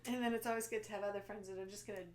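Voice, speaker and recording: A woman co-hosting a casual craft podcast, chatty and quick to laugh. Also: mid-range voice, steady tone, a crowd in the background. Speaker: podcast co-host. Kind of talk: casual chat. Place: lives in Texas.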